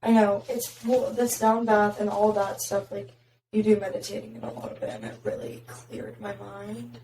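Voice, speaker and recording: A young woman with a raspy voice, hosting a podcast and telling stories in casual chat full of "like" fillers. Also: mid-range voice, fairly even intonation, moderate pace, dark tone. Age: young adult. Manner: chatty storytelling, many "like" fillers. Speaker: podcast host. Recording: roomy echo, faint noise.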